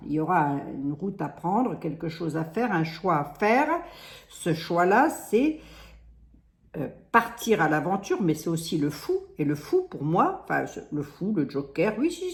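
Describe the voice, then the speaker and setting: A woman's voice: lowish voice, roomy sound. A woman with a Lorraine accent reading tarot cards in a casual, rambling way, often restarting her sentences. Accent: Lorraine French. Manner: rambling, hesitant, full of restarts and "hein". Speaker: tarot reader. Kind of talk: casual card reading monologue.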